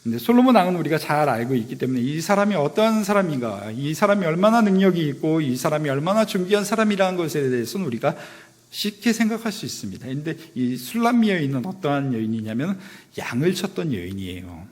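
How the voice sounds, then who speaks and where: A man's voice: on the high side, big pitch swings, fast. A man in his thirties giving a sermon to young adults, telling stories in a casual, self-deprecating way. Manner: conversational storytelling, self-deprecating. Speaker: pastor.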